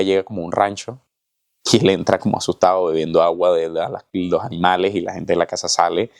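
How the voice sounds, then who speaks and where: A man's voice: sits low, creaky, a little mellow, dry recording. A man giving a personal faith testimony, telling his story with emotion and acting out the voices in it. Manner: emotional storytelling, with vivid reenactment of dialogue. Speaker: testimony speaker.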